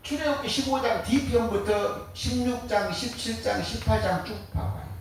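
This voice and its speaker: A man's voice: high-pitched, normal speed, slight background noise. A man preaching a sermon as pastor, firing rhetorical questions and answering them in a colloquial, joking way. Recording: very echoey, distant mic.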